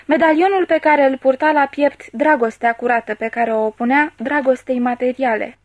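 A woman narrating a classic novel as an audiobook, in a steady, measured reading. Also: high-pitched, no echo.

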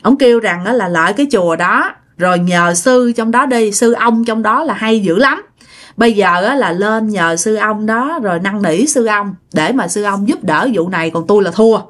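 A woman with a mid-range voice tells a casual spoken ghost story at normal speed. She's chatty and talks straight to her listeners.

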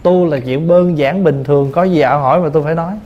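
Man, Buddhist monk, dharma talk, patient plain explaining, slightly high voice, muffled lo-fi sound. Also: fast, a little mellow. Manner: plain, patient explaining through everyday examples. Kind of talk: dharma talk answering questions.

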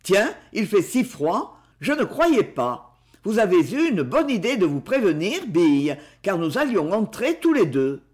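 A calm, measured young schemer who speaks politely, as a male narrator reads him. The voice is fairly high and moves freely, with an even, unhurried storybook delivery.

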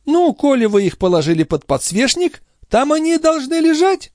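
A squealing, wheedling old concierge woman, as a man puts her on, her voice leaping high with sugary indignation. It soars and swoops through a wide range. The recording is dry and close. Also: very animated, moderate pace, a little mellow, dry recording. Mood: shrill indignant. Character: shrill wily old female concierge.

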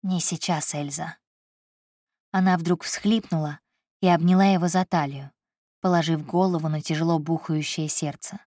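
A woman narrating a novel in an even, measured way. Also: low-pitched, no echo, clean studio sound. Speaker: audiobook narrator. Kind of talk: scripted narration.

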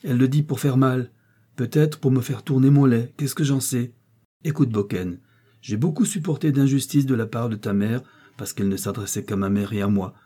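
A man's voice: mid-range voice, normal speed, mellow, pitched above the performer's own voice, natural voice. A man reading the part of a young miller's wife who defies her cruel mother-in-law, speaking with heated, trembling defiance. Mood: trembling anger.

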